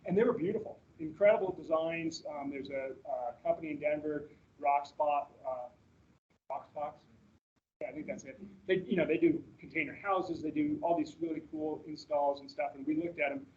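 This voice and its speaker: A man's voice: fairly high pitch, normal speed, darkish tone, lo-fi sound. A man giving an informal, conversational staff presentation with slides, explaining things as he goes, on a meeting recording. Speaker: presenter, manager at a ski resort. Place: in-person meeting room, streamed to online attendees.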